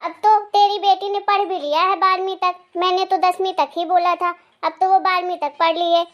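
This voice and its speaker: A woman voicing a nagging grandmother in an animated cartoon who scolds her granddaughter and favors her grandson. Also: extremely high pitch, moderate pace. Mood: scornful. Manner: scornful, nagging, sharp-tongued.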